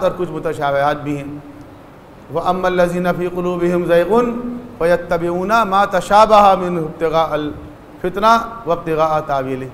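A man with a high voice delivers a religious lecture in a hall with a long, echoing reverb. He explains patiently and voices the people in his stories. Faint ambient noise sits behind him. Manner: explanatory, acts out short dialogues in stories.

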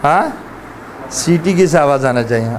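A man's voice: a little high, lively intonation, noisy background. A man teaching Quran letter pronunciation in a classroom, drilling sounds aloud and coaxing students to repeat. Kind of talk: classroom tajweed lesson.

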